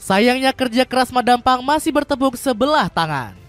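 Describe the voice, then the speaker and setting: A woman's voice: sits high, animated, normal speed, soft background music. Woman reading football news voice-over. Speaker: sports news narrator. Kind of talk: scripted football news narration.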